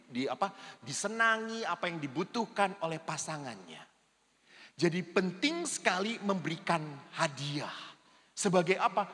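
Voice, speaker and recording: Man, priest, jokey seminar talk, high voice, echoing hall. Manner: lively, jokey, acts out spouses' lines. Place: church hall. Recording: long reverb of a large hall.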